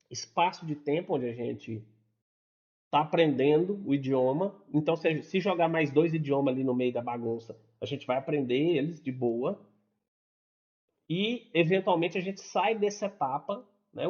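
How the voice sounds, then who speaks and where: A man's voice: on the high side, a little mellow, lo-fi sound. A young adult man with a Brazilian Portuguese accent, teaching a casual online lesson in a conversational, explanatory way with frequent tag questions. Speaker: English teacher.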